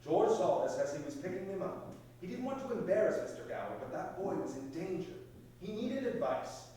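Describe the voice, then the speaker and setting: A man's voice: high-pitched, very animated, a little fast, warm tone. Distant, echoing male heavenly guide played by an actor. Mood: solemn storytelling. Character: senior male heavenly guide patiently narrating a life story. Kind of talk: stage play narration. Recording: echoey hall, distant mic, faint noise.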